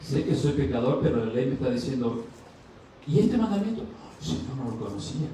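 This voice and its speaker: Man, pastor, sermon, asks the congregation questions, acts out dialogues, mellow tone, echoey church, distant mic. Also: medium pitch, steady tone, fast, a little hiss or hum. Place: church sanctuary.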